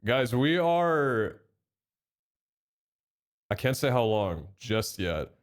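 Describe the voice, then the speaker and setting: Very slow and medium-pitched, this young man streams live while nursing a head cold that makes him a touch nasal. His manner is chatty and excitable as he reads chat and thanks subscribers.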